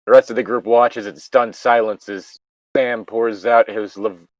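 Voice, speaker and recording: With a fairly low voice and a measured pace, this host reads an internet story aloud and keeps stopping for sweary, exasperated, animated commentary. The audio is dull and lacks room sound.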